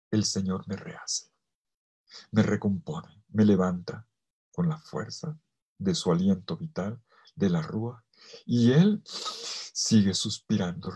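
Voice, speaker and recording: A male priest giving a theology lecture, swinging between loud emphasis and soft, almost whispered phrases, and stretching key words slowly for weight. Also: fairly low pitch, breathy edge. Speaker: priest teaching a theology course. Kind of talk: theology lecture to a virtual audience.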